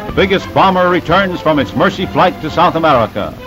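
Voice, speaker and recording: A man narrating an old newsreel in a brisk, emphatic announcer delivery. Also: a little high, expressive, loud music behind the voice, poor audio.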